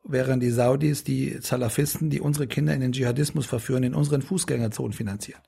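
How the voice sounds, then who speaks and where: A man's voice: medium pitch, steady tone, quick pace, creaky, mellow, husky. A middle-aged man in a casual interview, talking in a rambling way with many restarts and fillers. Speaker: politician guest.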